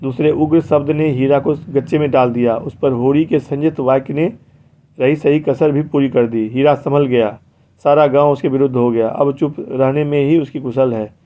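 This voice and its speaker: A man narrating a classic novel as an audiobook in a measured storytelling manner, recorded with dull lo-fi sound. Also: mid-range voice, fairly even intonation.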